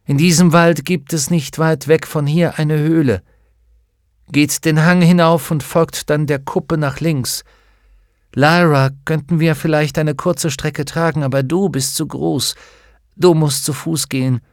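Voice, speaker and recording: A man voicing a calm, ageless witch in a storybook reading, giving firm instructions. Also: fairly high pitch, unhurried, no room sound, studio quality, voice pushed up. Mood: commanding. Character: calm ageless witch woman, cool and commanding.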